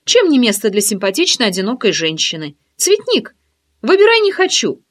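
A woman voicing a brash, talkative female friend who teases and scolds in a lively, bossy way, in an audiobook. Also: on the high side, moderate pace. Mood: teasing. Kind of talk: audiobook character voice.

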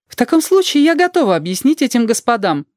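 The reader voices a stiff, pedantic young woman with a creaky, grating voice who lectures in a formal tone, as in an audiobook. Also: fairly high pitch, big pitch swings, fast talker, darkish tone, no room sound, studio quality, voice pushed up. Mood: insistent.

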